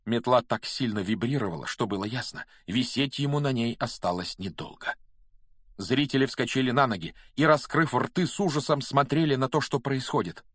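A man narrates a fantasy audiobook with brisk, steady storytelling. His voice sits at an ordinary middle pitch. The recording is close and dry, with no room sound. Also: no room sound. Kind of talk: scripted narration.

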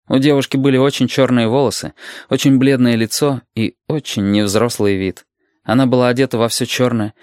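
A man narrates an audiobook in a mid-range voice, even and unhurried. The recording is close and dry, with no room echo. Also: medium pitch.

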